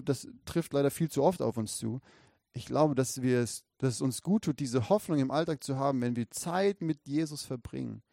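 Earnest German-speaking male preacher, slightly high. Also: mellow, no room sound, studio quality. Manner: earnest, encouraging, addresses listeners directly. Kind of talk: sermon with Bible reading.

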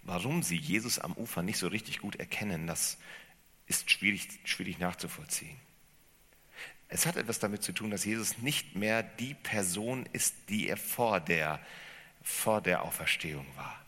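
A man's voice: sits low, normal speed, husky. Man preaching in a reverberant hall. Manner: animated preaching, asking the congregation questions. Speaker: pastor. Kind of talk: sermon.

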